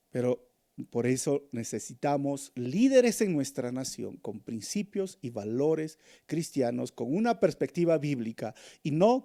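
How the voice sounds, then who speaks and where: A man preaching a Bible study sermon, swinging between loud emphatic bursts and hushed low phrases, calling listeners brothers. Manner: addresses listeners as brothers, acts out crowd shouts. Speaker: pastor.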